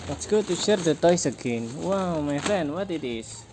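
A woman's voice: low-pitched, lively intonation, moderate pace. A woman filming a toy show-and-tell vlog, exclaiming "wow" as she names each toy in short bursts. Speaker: toy unboxing vlogger. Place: indoors on a tiled floor. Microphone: phone camera held over toys. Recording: noisy phone recording.

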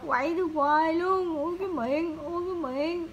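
A woman's voice: very high-pitched, fairly quick, highs cut off, slight background noise. A mother talks to her baby in coaxing, cooing baby talk at home, asking sing-song questions over and over.

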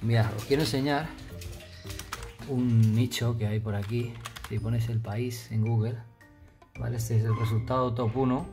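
A man with a Spain Spanish accent, chatting casually as a vlogger explaining his work, with frequent tag questions and casual swearing. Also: mid-range voice. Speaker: vlogger, SEO entrepreneur. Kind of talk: casual explanatory vlog narration.

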